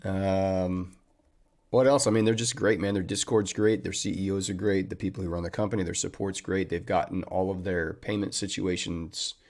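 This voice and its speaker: A man's voice: deep voice, steady tone, normal speed, a little mellow. A man hosting a trading livestream, chatting casually and upbeat with viewers and calling them man and buddy.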